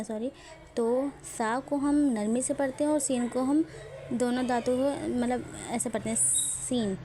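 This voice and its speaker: A woman gives a lesson on Quran recitation in a mellow, fairly high voice. She explains patiently and repeats words to show how they should sound. Faint noise sits behind her. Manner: careful, explanatory, repeats words to demonstrate pronunciation. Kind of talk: religious lesson on tajweed.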